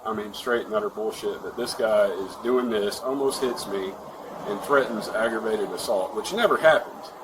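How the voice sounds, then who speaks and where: A man's voice: on the low side, moderate pace, recorded from a distance. A man with a belligerent, defensive and argumentative manner, insisting on his side in a heated conversation. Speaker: police sergeant being questioned. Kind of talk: heated self-justifying conversation. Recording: background noise from body camera.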